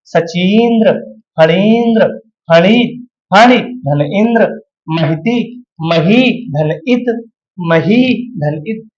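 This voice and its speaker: A man teaching a grammar lesson on video, stretching words out syllable by syllable and calling his viewers dear ones. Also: sits high. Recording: dull lo-fi sound.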